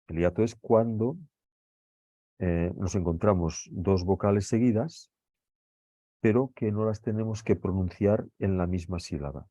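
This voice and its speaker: A man's voice: sits low, a little slow, warm tone, dry recording. A male teacher from Spain giving a grammar lesson, explaining patiently step by step and often checking in with his listeners. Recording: dull lo-fi recording.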